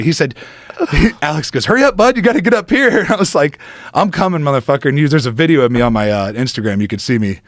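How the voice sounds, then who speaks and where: A man, a podcast guest, telling a story in an animated, profane way and acting out the quotes. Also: medium pitch, dry recording.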